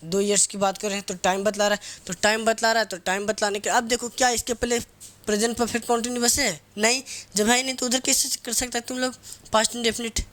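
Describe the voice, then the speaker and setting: A man's voice: very high-pitched, level tone, fast talker, fairly bright tone. A male teacher, giving a casual grammar lesson, often asking a question and answering it himself. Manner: repeats key words, asks and answers own questions; casual, teasing scolding of students.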